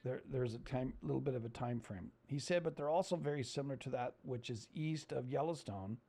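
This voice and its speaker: Gravelly man hosting a casual screen-share. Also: mid-range voice, brisk, mellow. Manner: rambling, hesitant with many fillers. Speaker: host.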